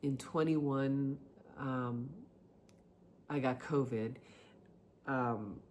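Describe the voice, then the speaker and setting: A middle-aged woman giving a confessional personal monologue in a halting, reflective way, often pausing between short phrases. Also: rumbling low, fairly even intonation, darkish tone, slight background noise. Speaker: vlogger sharing personal experiences.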